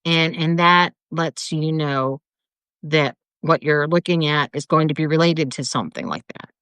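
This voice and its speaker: A woman in casual chat, explaining slowly with many restarts and fillers. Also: sits low, fairly even intonation, a bit bright, smooth, no room sound. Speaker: co-host.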